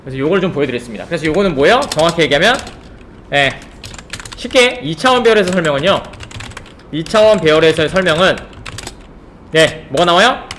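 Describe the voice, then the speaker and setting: A man's voice: on the high side, animated, fairly quick, long pauses, fairly bright tone, echoey room, a little hiss or hum. A man teaching a programming class, asking his students rhetorical questions and checking that they follow along. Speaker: programming instructor. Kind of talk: live coding lecture.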